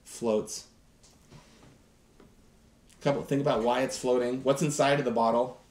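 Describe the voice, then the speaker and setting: A man's voice: medium pitch, steady tone, a little slow, a little mellow. A man in his thirties doing a chatty, enthusiastic live science demonstration, talking directly to viewers. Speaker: science teacher host. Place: home kitchen set, indoors. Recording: roomy kitchen echo.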